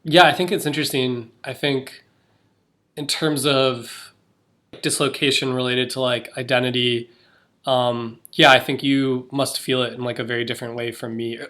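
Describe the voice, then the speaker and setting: Here the young U.S. podcast co-host has a sharp tone, a medium pitch and fairly even intonation, moving at a moderate pace. The talk is casual chat, loose and filler-heavy, with plenty of restarts.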